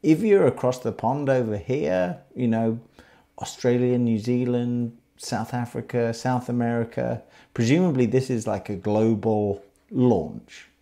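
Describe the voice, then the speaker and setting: Mellow man hosting a chat. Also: medium pitch, unhurried, gravelly. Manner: chatty, upbeat questioning. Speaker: podcast host. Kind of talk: casual interview.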